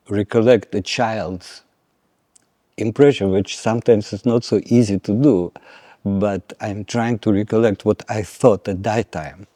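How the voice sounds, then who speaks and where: An older man, a violin teacher talking in a measured way, pausing to search for words and making dry jokes. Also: on the low side, dark tone, no echo. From Lithuania. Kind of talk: conversational interview.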